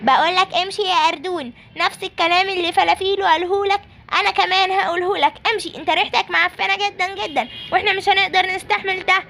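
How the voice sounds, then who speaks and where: A woman's voice: extremely high pitch, fairly even intonation, rapid-fire, creaky, sharp tone, slight background noise, exaggerated voice. A woman with an Egyptian accent voicing bossy young friends who shoo away a smelly pal. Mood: dismissive. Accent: Egyptian Arabic. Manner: bossy, mocking.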